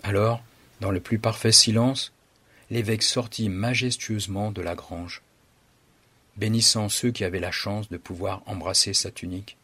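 A man reading a story aloud in a dramatic, measured narration. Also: fairly low pitch, fairly even intonation, pushed and bright, breathy edge.

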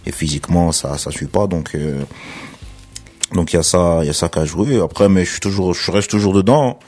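A man speaking as a radio show guest, relaxed and often repeating and restarting his phrases. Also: low voice, a little fast, soft background music. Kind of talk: radio interview.

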